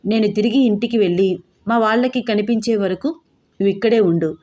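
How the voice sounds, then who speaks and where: A woman's voice: medium pitch, normal speed, warm tone, lightly acted. Woman voicing a pushy, sly young man.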